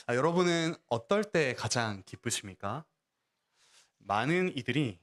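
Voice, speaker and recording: A male pastor preaching a sermon, telling a story to children in an animated way and asking the listeners questions that he answers himself. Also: medium pitch.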